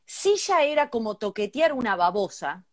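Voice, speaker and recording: A woman's voice: on the high side, big pitch swings, normal speed. An Argentine woman co-hosting a casual comedic chat, reading listener emails aloud with joking asides. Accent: Argentine Spanish. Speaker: podcast co-host.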